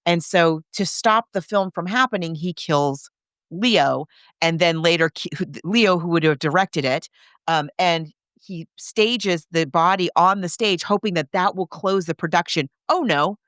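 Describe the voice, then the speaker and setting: A woman co-hosting a podcast recaps a film in casual chat, telling the story conversationally and acting out the characters' reactions. Her voice is on the low side, unhurried and fairly bright, recorded with clean studio sound and no echo.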